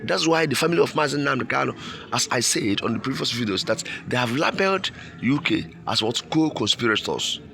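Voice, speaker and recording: A Nigerian man delivers impassioned political commentary in a bright, forceful voice of medium pitch. He leans on rhetorical questions and repeats phrases for emphasis. There is some ambient noise behind him. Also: lively intonation, a little fast, vocal fry.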